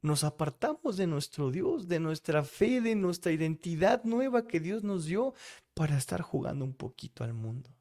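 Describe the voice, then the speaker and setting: A man's voice: a little high, very animated, normal speed, a little mellow. A man with a Mexican Spanish accent preaching a devotional sermon, speaking straight to the listener and posing rhetorical questions.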